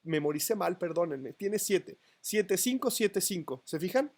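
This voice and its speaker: A man's voice: high voice, expressive, unhurried, gravelly, a little mellow. A man lecturing on poetry to a class, counting syllables aloud and checking that students follow. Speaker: literature teacher. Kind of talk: university lecture.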